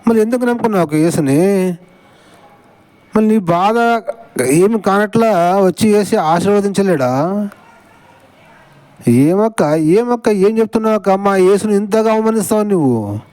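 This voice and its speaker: A man's voice: high-pitched, animated, moderate pace, pauses often, a little mellow, poor audio. A man commenting on a clip in a mocking, sarcastic way, turning often to his viewers with questions. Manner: sarcastic, addresses viewers directly.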